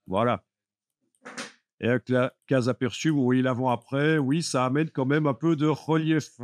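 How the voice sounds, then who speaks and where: A man's voice: mid-range voice, steady tone, normal speed, no echo. A man teaching a live Photoshop class, explaining steps patiently with many fillers like "euh" and "voilà". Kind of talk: live classroom software lesson.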